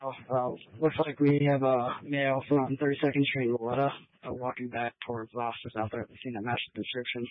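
A man rattles off his report quickly over a police radio that crackles with static bursts. His tone barely rises or falls, he stumbles through small fillers, and the thin, tinny channel squeezes his voice. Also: mid-range voice, little pitch movement. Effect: police radio transmission with static bursts. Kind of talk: radio call.

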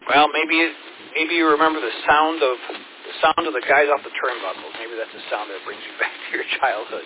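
A man hosting a ham radio net as net control, chatting in a relaxed, rambling way, heard over a radio transmission. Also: mid-range voice, fairly quick. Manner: relaxed and rambling, with frequent uh's. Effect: radio transmission with heavy static. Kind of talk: casual radio net chat. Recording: tinny radio with loud static hiss.

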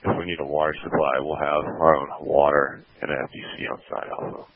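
A man's voice: extremely low pitch, flat delivery, a little fast. A man as a fire engine officer calling in positions over two-way radio, in clipped radio codes with brief hesitations. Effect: two-way radio transmission. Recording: tinny narrow-band radio.

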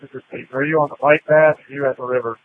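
A man's voice: mid-range voice, fairly even intonation, racing. A firefighter making brief emergency radio calls, his voice coming through a two-way radio with bursts of static. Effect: radio with static bursts and hiss. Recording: tinny hissy two-way radio.

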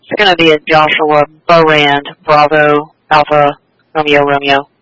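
A police dispatcher speaking over a police radio transmission, spelling out a name in the phonetic alphabet. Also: male voice, on the high side, monotone, a little slow, a bit bright, clean tone, dry recording, rough recording.

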